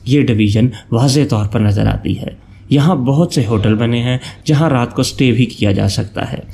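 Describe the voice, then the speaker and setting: Man narrating a travel guide voice-over. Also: mid-range voice. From Pakistan. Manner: steady, informative, listing places one by one.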